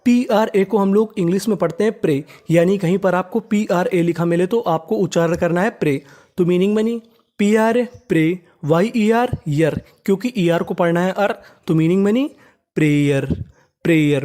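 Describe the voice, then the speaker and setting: Indian accent, teacher, methodical, sounds out and repeats words slowly. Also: medium pitch, mellow. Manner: methodical, repeats each word slowly several times. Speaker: English pronunciation teacher. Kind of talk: step-by-step spelling and pronunciation lesson.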